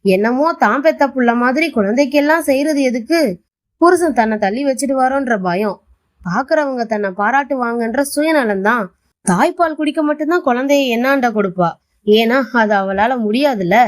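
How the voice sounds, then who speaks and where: A woman's voice: high voice, lively intonation, moderate pace. A woman voicing a grieving, spiteful young second wife who shrilly accuses her rival in colloquial speech. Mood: scornful.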